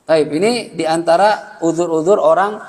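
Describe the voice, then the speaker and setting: High-voiced joking religious teacher in a hall. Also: male voice, unhurried. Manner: lively, joking with slangy asides and acted-out dialogue. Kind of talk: Islamic study lesson.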